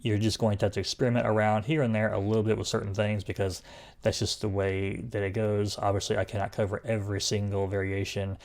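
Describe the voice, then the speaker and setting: Gravelly-voiced man walking through a tutorial. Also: lowish voice, little pitch movement, fast, darkish tone. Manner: loose, rambling, many fillers. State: losing his voice. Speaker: online marketing tutorial host. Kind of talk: casual screen-recorded tutorial.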